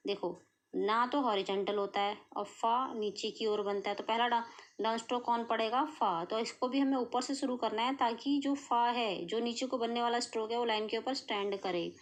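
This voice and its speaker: A woman's voice: on the high side, fairly even intonation, normal speed. An Indian woman teaching shorthand step by step, patiently checking that her students follow. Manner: patient, checks in often with "clear?" and "okay". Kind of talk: explaining a lesson step by step.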